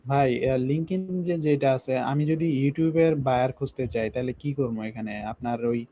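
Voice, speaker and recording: A man's voice: mid-range voice, normal speed, mellow, dry recording. A man asking the instructor a question during an online class, hesitating and searching for words. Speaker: student.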